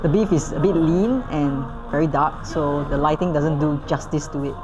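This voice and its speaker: A woman's voice: low-pitched, moderate pace, lo-fi sound, music in the background. A woman vlogging casually as she tests microphones, talking in a playful, jokey, chatty way. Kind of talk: casual vlog, testing microphones.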